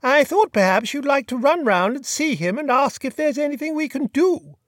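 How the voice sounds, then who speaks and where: Storybook elderly duchess, gossipy and emphatic, raised and lively, voiced by the narrator. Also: high voice, normal speed, no room sound, studio quality, pitched above the performer's own voice. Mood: gossiping. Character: elderly dowager duchess, chatty and kindly. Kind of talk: audiobook dialogue.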